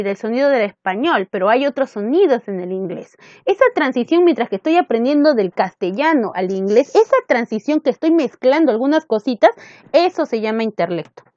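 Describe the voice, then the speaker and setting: Woman teacher, peruvian spanish accent, highish voice, dull dry lo-fi recording. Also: darkish tone, dry recording. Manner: asks questions and answers them herself. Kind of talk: recorded classroom lesson.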